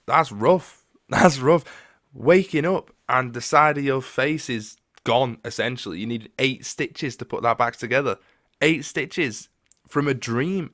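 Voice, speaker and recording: A young man hosting a casual solo podcast, reading out stories and reacting with drawn-out exclamations. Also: mid-range voice, a bit bright, no room sound, clean studio sound. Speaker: podcast host.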